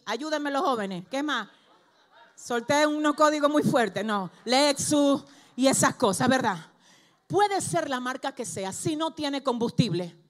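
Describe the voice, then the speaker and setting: A woman preacher, giving a sermon that moves from quiet teaching to loud, fiery exhortation in church. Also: high voice.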